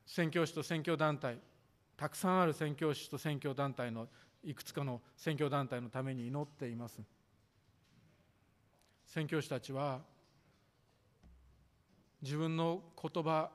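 A man preaching a sermon as pastor, measured and formal, drawing out the ends of his sentences. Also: on the high side. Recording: echoey hall reverb.

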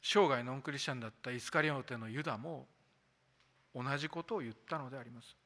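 A man's voice: medium pitch, fast talker, bright, forceful tone. A pastor delivering a sermon, stressing key points by repeating them and putting rhetorical questions to his listeners. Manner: asks the congregation rhetorical questions. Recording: long hall reverb.

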